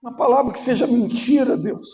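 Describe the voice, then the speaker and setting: A male pastor preaching a sermon, emotional and at times rising to shouting. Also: very high-pitched, brisk, soft background music. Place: church. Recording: muffled echoey church hall.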